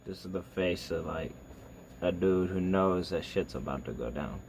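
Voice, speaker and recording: A man with a fairly low voice chats casually while reacting, rambling and stumbling over his words with lots of fillers. Faint noise hums behind him. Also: creaky, a little mellow. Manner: rambling, halting, filler-heavy. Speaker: reaction video host. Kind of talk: casual chat.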